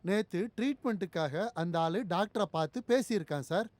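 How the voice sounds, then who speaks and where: An actor playing a bumbling, fearful police constable who stammers and talks nervously, from a dubbed film. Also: male voice, high-pitched, expressive, fairly quick, darkish tone, no room sound. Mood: nervous chatter. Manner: nervous, stammering, eager to please.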